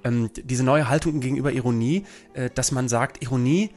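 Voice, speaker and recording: Radio host guy, talks fast, lots of ähs and deadpan irony, studio mic. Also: medium pitch, soft background music. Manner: rambling, ironic, hesitant with many fillers. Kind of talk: casual chat.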